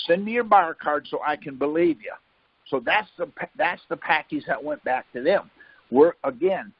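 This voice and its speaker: A man with a fairly high, slightly breathy voice leads a conference call over a phone line, which makes the audio muffled, though the recording itself is dry. He explains things casually, rambling, correcting himself, and often saying "see?" and "um".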